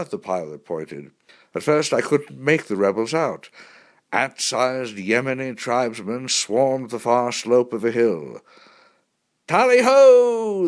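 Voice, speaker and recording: A man reads his memoir aloud in an expressive, storytelling manner. His voice sits at a middle pitch and rises and falls a great deal. The delivery is vivid and scripted. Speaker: narrator. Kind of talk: first-person memoir reading.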